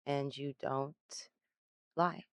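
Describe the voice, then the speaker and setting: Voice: medium pitch, steady tone, extremely slow, no echo, studio quality. A person interviewing an AI in a casual, rambling way, often laughing and swearing. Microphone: close personal mic at home.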